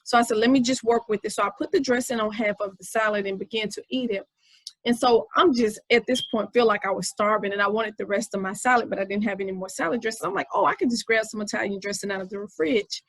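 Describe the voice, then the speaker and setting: A woman's voice: medium pitch, fast talker, dry recording, rough recording. A woman in her forties hosting her own podcast, telling a story in a casual, conversational way with many fillers. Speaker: podcast host. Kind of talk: casual inspirational talk.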